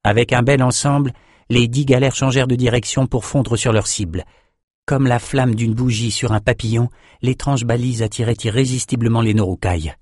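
A man reading a fantasy novel aloud as an audiobook narrator, in a steady, measured way. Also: medium pitch, no echo, clean studio sound. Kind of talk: scripted narration.

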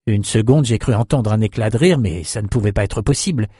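A man's voice: lowish voice, a little fast, dark tone, husky, no echo, studio quality. A man reading the part of a young male islander who tells, half mocking himself, how he was lost at sea. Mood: earnest. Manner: earnest, self-mocking storytelling. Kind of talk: audiobook character reading.

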